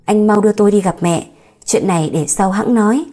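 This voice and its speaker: A woman's voice: mid-range voice, fairly quick, mellow, soft background music, natural voice. A woman voicing a wary young wife in an audiobook story, cool and guarded. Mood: alarmed.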